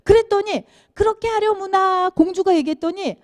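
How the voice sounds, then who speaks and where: A woman giving a children's sermon, animated and asking the kids questions as she tells the story. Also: very high voice, normal speed. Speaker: children's minister.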